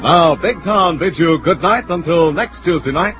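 A man's voice: on the high side, moderate pace. Old-time American radio announcer, male, emphatic formal sell, muffled vintage broadcast with music underneath. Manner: emphatic, formal salesman delivery. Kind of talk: old-time 1940s-50s radio announcing, scripted sponsor and closing narration. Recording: dull vintage radio recording, music behind.

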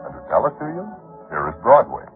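A man's voice: fairly low pitch, wildly swooping pitch, fast talker. A man announcing in a theatrical, scripted old-time radio style. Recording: muffled old radio broadcast. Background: loud music.

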